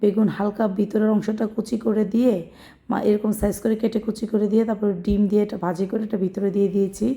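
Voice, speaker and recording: A young woman with a hoarse, very dark, mellow voice narrates a home cooking vlog. She talks in a homely, chatty way and keeps her pitch flat and even as she walks through each step. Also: fast. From Bangladesh. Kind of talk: casual voice-over narration of a daily vlog.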